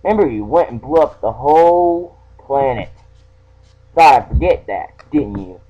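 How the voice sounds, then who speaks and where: A man's voice: mid-range voice, expressive, measured pace. A man casually playing a game and reading its text aloud in a playful, teasing way. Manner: playful, teasing read-aloud with mock-sinister touches. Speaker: let's play gamer. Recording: dull lo-fi home recording.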